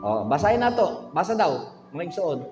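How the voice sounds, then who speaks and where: A man's voice: fairly high pitch, sing-song, normal speed, over music. A man preaching a sermon at a livestream, teaching by spelling out letters and quizzing the congregation. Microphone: handheld microphone. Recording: echoey hall, dull lo-fi sound.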